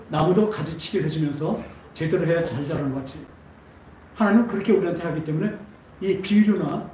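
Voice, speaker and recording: A man's voice: on the high side, a little mellow, slight background noise. A man preaching a Sunday sermon as pastor, asking his congregation question after question. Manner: asks the congregation many questions. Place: church sanctuary. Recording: echoey church hall from far off.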